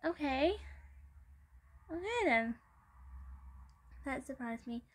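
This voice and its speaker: A woman giving excitable gameplay commentary, exclaiming and giggling as she plays. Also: sits high, slow pace, background noise. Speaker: gamer.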